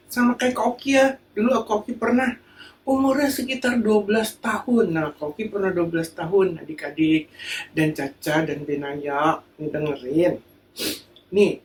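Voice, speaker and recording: A children's church teacher telling a Bible story to kids in a lively way and acting out the quotes. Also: mid-range voice, distant mic. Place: church hall. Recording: echoey room, voice from afar.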